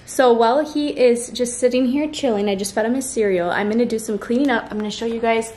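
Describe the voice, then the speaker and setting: A woman's voice: on the high side, fast talker, a little mellow. A young woman in her twenties, a stay-at-home mom, narrating her day casually to a handheld camera at home. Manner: chatty, matter-of-fact, talks to her children in between. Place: home, backyard and kitchen. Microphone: handheld camera mic.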